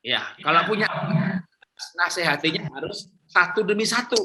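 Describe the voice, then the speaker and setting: A middle-aged man speaks as a pastor in a relaxed question-and-answer talk. His voice is very bright and sits a little high. He tells stories with energy and acts out the quoted lines. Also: normal speed. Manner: lively storytelling, acts out quotes, chuckles.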